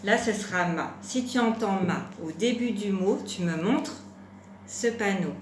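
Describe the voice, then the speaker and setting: Slow, patient woman teacher, echoey room. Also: mid-range voice, a little hiss or hum. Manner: slow, patient, encouraging, stretches words out to sound syllables. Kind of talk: home-school phonics lesson for young children.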